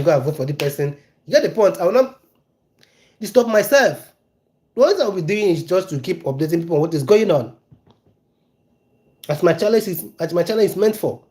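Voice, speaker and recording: A man's voice: a little high, darkish tone. Emphatic Nigerian man live-streaming. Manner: emphatic and repetitive, hammers key phrases; stops to greet and answer live chat viewers. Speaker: news commentary live streamer. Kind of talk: casual live-stream commentary.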